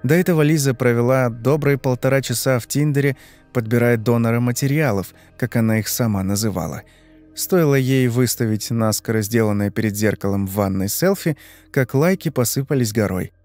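A man reading a story aloud in steady, matter-of-fact scripted narration. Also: mid-range voice, brisk. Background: faint music.

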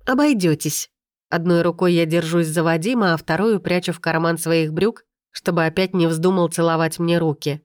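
A woman reading a first-person novel aloud in a steady storytelling manner. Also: fairly low pitch, moderate pace, few pauses, dry recording, clean studio sound. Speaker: audiobook narrator.

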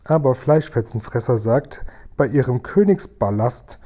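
A big friendly giant out of a storybook, slow and grumbling, muddling his words in a soft, mellow voice, as a man reading aloud puts him on. He talks plainly and a little gloomily. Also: mid-range voice, lively intonation. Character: gentle mumbling male giant, mixes up words.

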